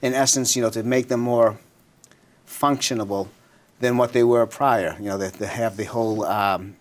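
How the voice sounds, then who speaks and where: A man's voice: medium pitch, fairly even intonation, normal speed. Male local politician as interview guest, mid-range voice, informal, conversational, leaning on filler phrases. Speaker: city councilor running for state representative, interview guest.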